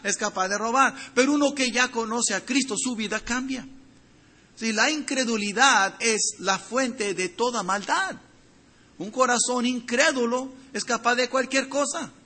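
A male preacher delivers an expository sermon, stopping often to read verses and speak to his listeners. His voice sits high for a man, and its tone is bright and forceful. He stumbles and restarts as he works through each point. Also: husky. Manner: expository preaching, reading verses and addressing the congregation; frequent restarts and stumbles while building points.

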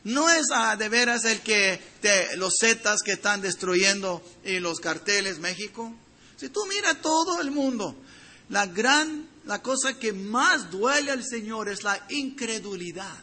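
A man's voice: high voice, lively intonation, measured pace, bright, forceful tone. A man preaching a sermon, reading Bible verses aloud and addressing the congregation with frequent restarts as he builds his points.

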